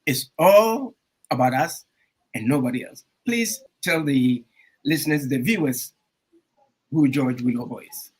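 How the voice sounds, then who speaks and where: A man hosting a radio talk show in a casual, animated way, with frequent fillers. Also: medium pitch, measured pace, husky. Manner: animated, warm welcomes, frequent um fillers and laughs. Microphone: streamed studio mic.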